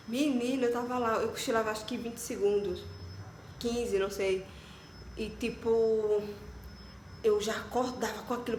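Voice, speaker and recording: A woman's voice: a little high, slight background noise. Chatty Brazilian woman in echoey room. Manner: chatty and animated, many fillers like "tipo" and "né". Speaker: vlogger. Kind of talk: casual personal storytelling. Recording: echoey room with faint ambience.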